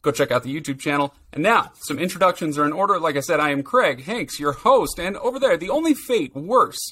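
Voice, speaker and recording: A man's voice: fairly high pitch, lively intonation, a little fast, sharp tone. A man hosting a podcast, joking with his guests, laughing often and reading out a recap. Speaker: podcast host. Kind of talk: casual chat and read recap.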